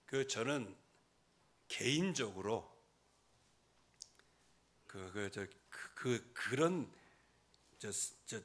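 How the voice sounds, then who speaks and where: Male pastor, middle-aged, bright edgy tone, very lively pitch, mid-sermon. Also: very slow, long pauses. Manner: lively preaching, swinging from loud emphasis to quiet asides, mimics hymn singing. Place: church sanctuary.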